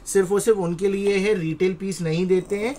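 Indian man giving an emphatic sales pitch. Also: fairly even intonation, brisk, a crowd in the background. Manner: repetitive, emphatic selling patter.

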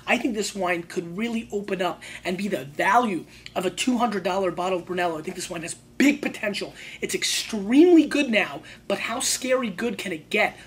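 Casting: female wine show host, mid-pitched, colloquial and emphatic sommelier tasting notes with repeated phrases, some room noise behind.

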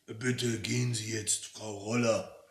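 A man voicing the devil's gruff hidden boss with a deep, smoky voice, curt and disguising himself. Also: level tone, takes it slowly. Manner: curt, trying to disguise his voice. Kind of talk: storybook reading. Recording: roomy echo.

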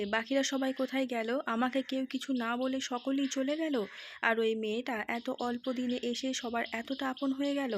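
A woman narrating a recap of a television serial episode in an even, read-aloud manner, quoting the characters' lines without acting them. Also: fairly high pitch, no room sound.

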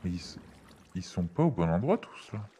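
A man's voice: sits low, very animated, normal speed, noisy background. A young man chatting casually on a live stream, jokey and exclamatory, swearing now and then. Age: young adult. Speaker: live streamer playing an online game. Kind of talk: casual stream chat, reacting and thanking donors. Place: small home streaming room, indoors. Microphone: close desk microphone, gaming headset worn.

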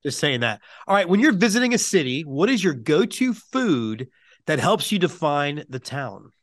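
A man's voice: on the high side, sing-song, moderate pace, dry recording, studio quality. A man hosting a baseball podcast, joking and playing down his own bits while he interviews a guest. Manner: jokey, self-deprecating. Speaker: podcast host. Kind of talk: casual interview chat.

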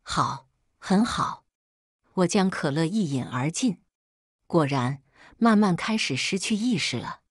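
A woman's voice: on the low side, lively intonation, measured pace, husky, dry recording, clean studio sound. A woman reading a family drama aloud as a scripted first-person narration, telling it expressively. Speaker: storyteller.

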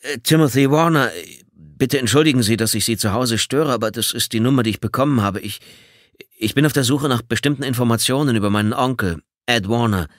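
A man's voice: deep voice, very animated, moderate pace, pauses often, no echo, studio quality. A man reading an audiobook, voicing a nervous young male student who stammers and apologizes. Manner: stammering, hesitant.

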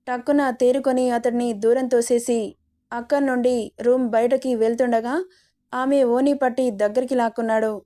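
A woman narrating a romance story in an expressive storytelling manner, switching between characters. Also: a little high.

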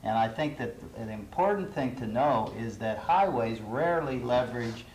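A middle-aged man, an urban planner, speaking in a measured, thoughtful way with some hesitations on a studio panel. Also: mid-range voice, expressive, darkish tone. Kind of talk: panel discussion. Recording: roomy studio with faint hiss.

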